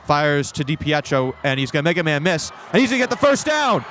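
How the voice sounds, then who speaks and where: A male play-by-play announcer making an excited, shouted touchdown call in live American football commentary, from an outdoor stadium. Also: fairly high pitch, a little fast. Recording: outdoor stadium broadcast with background noise.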